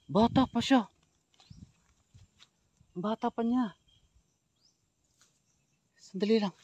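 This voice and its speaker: A man from the Philippines vlogging a ghost hunt outdoors in a rural wooded spot, switching between loud calls and low hushed murmurs. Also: very slow, no echo. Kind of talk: hushed exploring vlog commentary.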